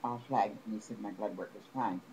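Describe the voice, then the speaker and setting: An aggrieved man pours out a rambling personal complaint in a lowish voice, stopping and restarting mid-thought. The recording carries a clear layer of background noise. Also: steady tone, a little fast, a little mellow. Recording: noisy home recording.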